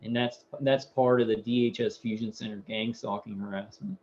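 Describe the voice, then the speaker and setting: A man's voice: mid-range voice, fairly even intonation, normal speed, a little mellow. Rambling man on a lo-fi live stream. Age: 30s. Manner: rambling, repeats words, many fillers. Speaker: live stream host reading viewer comments. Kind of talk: casual live-stream chat. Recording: dull lo-fi audio.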